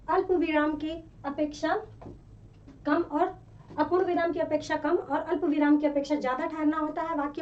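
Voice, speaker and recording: High-voiced woman teaching a lesson. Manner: slow, explanatory, repeats examples. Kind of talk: classroom lesson. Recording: dull, distant-sounding lesson recording.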